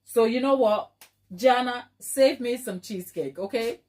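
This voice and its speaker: A woman with a Ghanaian accent hosts a casual baking livestream chat, affectionate and playful, often repeating phrases for emphasis. Her voice is a little high, a little slow, and darkish in tone.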